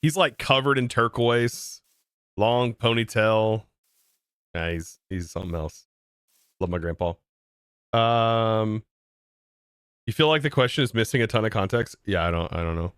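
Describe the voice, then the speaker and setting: A man's voice: on the low side, unhurried, pauses often, a bit bright, smooth, no room sound, studio quality. An American man streaming a game, chatting casually and answering his chat in disbelief. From United States. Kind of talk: casual livestream chat while gaming.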